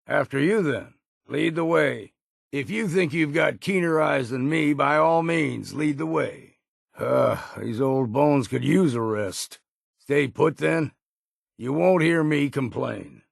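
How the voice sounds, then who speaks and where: Old Longfellow, gravelly grizzled hunter. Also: male voice, fairly high pitch, slow pace, no room sound, studio quality, heavily acted. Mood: easygoing, obliging. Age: older. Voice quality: gravelly, husky. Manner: folksy, drawling old-timer phrasing. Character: grizzled old hunter, folksy, wary, gruffly good-humored. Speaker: video game companion character. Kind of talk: scripted game voice lines.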